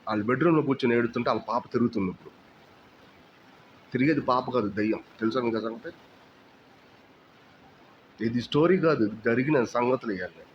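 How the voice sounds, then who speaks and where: Male pastor, conversational sermon delivery, muffled lo-fi recording. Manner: conversational preaching with rhetorical questions. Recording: dull low-fidelity recording with faint noise.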